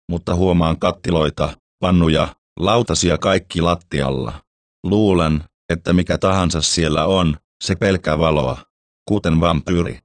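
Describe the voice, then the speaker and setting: Deep-voiced man narrating horror stories. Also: no room sound.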